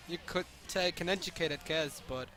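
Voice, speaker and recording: A man's voice: a little high, a little slow, soft background music. A man from continental Europe outside the British Isles, commenting on a game while joking, swearing and answering chat in a live stream. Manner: excitable, joking, swearing freely.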